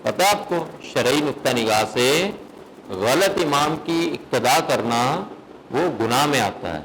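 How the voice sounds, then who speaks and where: A man teaching a recitation class, quizzing his students on the rules and chanting verses slowly to show how they are read. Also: medium pitch, expressive, a bit bright, slight background noise, rough recording. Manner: questions students, then chants verses in slow melodic recitation. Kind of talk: classroom lesson.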